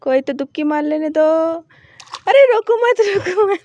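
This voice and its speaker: A woman's voice: sits high, lively intonation, measured pace, darkish tone, no echo, lo-fi sound, pitched above the performer's own voice. A woman voicing a playful little male animal that pleads to keep playing in the water, in a childlike whine. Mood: pleading, playful.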